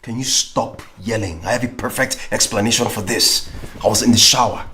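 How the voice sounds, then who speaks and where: An actor playing an entitled, hot-tempered young heir who talks with smug sarcasm. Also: male voice, fairly low pitch, moderate pace, pushed and bright, a little hiss or hum. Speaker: boss's son at a company.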